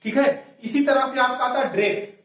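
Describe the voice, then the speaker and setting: A man's voice: extremely high pitch, fairly even intonation, normal speed. A male teacher explaining English grammar to a class step by step, repeating words and asking rhetorical questions. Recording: echoey room, voice from far off.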